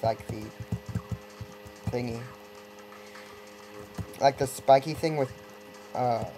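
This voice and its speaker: Brief: male let's-player, easygoing and slow-talking, mellow tone, chatty asides, faint game music underneath. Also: medium pitch, low-quality recording. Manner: rambling, self-interrupting, wry asides. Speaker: let's play gamer. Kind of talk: casual gameplay commentary.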